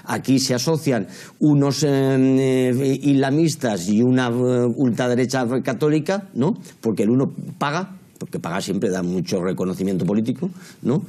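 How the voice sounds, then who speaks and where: A man speaking as a panelist in a political debate, explanatory and halting, often seeking agreement. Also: medium pitch, warm tone. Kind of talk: debate commentary.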